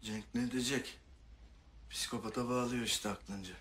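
An actor playing a hostile sailor, taunting and confronting a crewmate. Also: male voice, medium pitch, steady tone, normal speed, fairly bright tone, a little hiss or hum, lightly acted.

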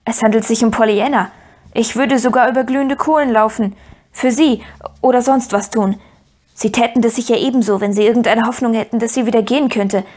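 A woman's voice: a little high, fairly even intonation, fairly quick, darkish tone, natural voice. Woman voicing an eager, earnest young boy. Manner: urgent, breathless, pleading. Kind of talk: audiobook character voice.

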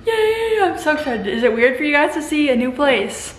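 A woman's voice: high voice, sing-song, moderate pace, soft background music. Chatty young woman in an echoey house. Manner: chatty and upbeat, filming herself. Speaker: vlogger. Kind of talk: casual vlog. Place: empty suburban house, indoors. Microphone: camera at arm's length. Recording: echoey empty room.

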